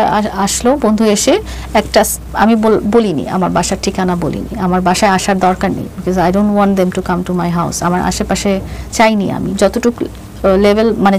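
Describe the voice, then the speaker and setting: Her medium-pitched voice is a little mellow, and the recording is low in quality with noticeable background noise. She is a middle-aged woman with a Bangladeshi accent, a guest in an interview recounting her personal story, mixing in English and frequently hesitating and restarting.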